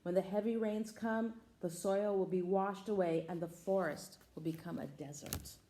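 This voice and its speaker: A woman's voice: fairly low pitch, steady tone, moderate pace, dark tone, reverberant, a little hiss or hum, natural voice. A woman voicing a troop of monkeys that chatter their warning. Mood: knowing.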